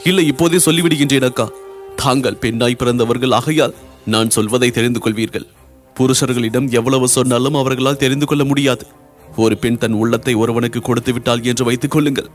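A man's voice: mid-range voice, steady tone, fairly quick, soft background music, close to an everyday voice. A man voicing a grieving young noblewoman who pleads through sobs. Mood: pleading. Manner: sobbing, imploring.

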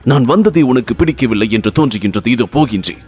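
A man reading aloud voices a young crown prince who speaks briskly, teasing by turns and then pleading. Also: medium pitch, lively intonation, a little mellow, husky, soft background music. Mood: chiding.

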